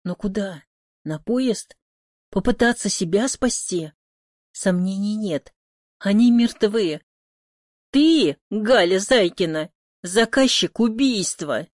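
A woman's voice: mid-range voice, lively intonation, slow pace, a little mellow, dry recording, studio quality. A woman reading a first-person audiobook in a tense, emotional way. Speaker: narrator. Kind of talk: audiobook narration.

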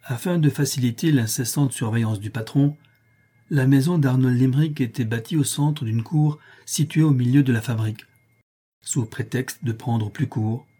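A man narrating a story aloud in a measured, storytelling way. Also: mid-range voice, mellow, husky. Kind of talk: audiobook reading.

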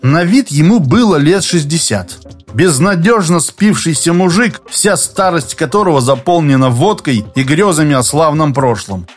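A man narrates an audiobook in a steady, even storytelling voice, pitched a little high for a man. Faint music runs softly beneath his reading. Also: normal speed. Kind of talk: scripted narration.

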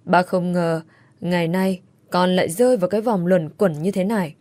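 A woman voicing an older father who speaks in a calm, measured, sorrowful way. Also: on the low side, dry recording, lightly acted.

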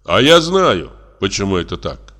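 A man reading a play aloud, voicing a mocking army captain who taunts in a thin squeaky falsetto. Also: big pitch swings, normal speed, pushed and bright, exaggerated voice.

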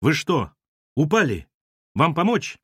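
A man's voice: fairly high pitch, sing-song, slow pace, fairly bright tone, breathy edge, dry recording, clean studio sound, voice pushed up, full character voice. A man voicing a flustered young man who asks urgent, startled questions. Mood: alarmed.

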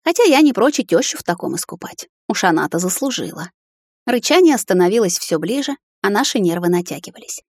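A woman reading a fantasy audiobook in a steady, measured storytelling manner. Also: medium pitch, no room sound. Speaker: audiobook narrator. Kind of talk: scripted audiobook narration.

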